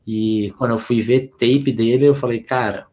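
A man co-hosting a casual sports podcast, voice sitting at an ordinary middle pitch. He rambles along in a relaxed way, restarting sentences and filling pauses as he breaks down players. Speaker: podcast co-host.

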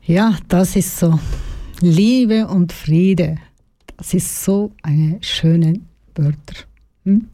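A woman radio host speaking simple, in a slow, reflective way. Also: lowish voice, mellow, dry recording. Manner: simple non-native German, slow and reflective. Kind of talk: casual radio talk.

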